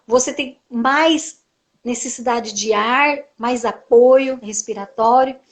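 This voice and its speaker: A Brazilian woman who works as a speech therapist explains voice technique during a live stream. Her voice is fairly high and her pace slow, and she keeps posing rhetorical questions and then answering them, often tagging her sentences with "né."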